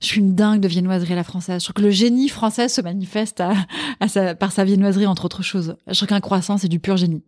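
A woman's voice: mid-range voice, fast talker, no room sound, studio quality. A middle-aged woman from Sweden, a podcast guest and cookbook author, chatting casually and with enthusiasm. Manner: enthusiastic, animated storytelling. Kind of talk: casual chat.

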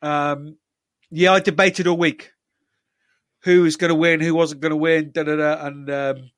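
Male podcast host, slightly high voice, close dry sound, casual sports chat. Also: flat delivery, unhurried, fairly bright tone, no room sound.

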